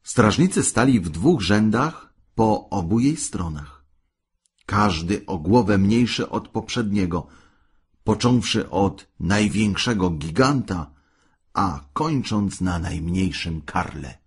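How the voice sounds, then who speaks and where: A man reading a fairy tale aloud with slow, expressive storytelling. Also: deep voice, breathy edge.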